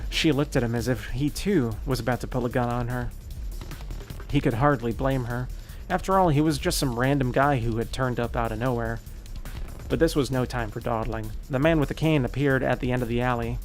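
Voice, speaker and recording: A male gaming streamer reading a visual novel's narration aloud, with a steady voice and the odd slip he corrects. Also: medium pitch, brisk, soft background music. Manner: steady narrating read with occasional slips and self-corrections.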